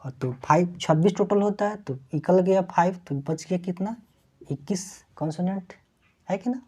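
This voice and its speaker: A woman's voice: lowish voice, normal speed, darkish tone, husky. A woman teaching an English lesson, explaining letter sounds and asking her students questions, then repeating each answer.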